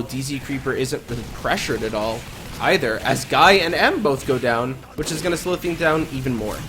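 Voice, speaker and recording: A man casting a competitive online match live, chatty and quick, filling gaps with "um" and "I mean". His voice sits at an ordinary middle pitch, with a faint hiss of noise behind it. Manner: quick, chatty, many fillers. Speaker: esports caster. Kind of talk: live play-by-play commentary.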